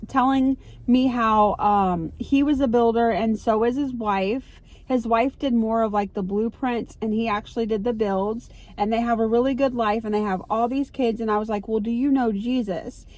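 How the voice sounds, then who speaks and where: A middle-aged woman vlogging in casual chat from a parked car into her phone, telling stories in a chatty, excitable way. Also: on the high side.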